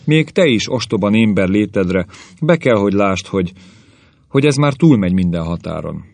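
A man's voice: on the low side, lively intonation, creaky, a little mellow, dry recording. A man voicing a grumbling old caveman grandfather who rants and complains about the young, in a story reading. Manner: querulous ranting.

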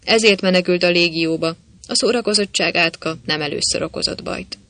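A male narrator reads a humorous novel aloud in scripted audiobook style. His storytelling is lively and ironic. His tone is bright and clear. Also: sits high.

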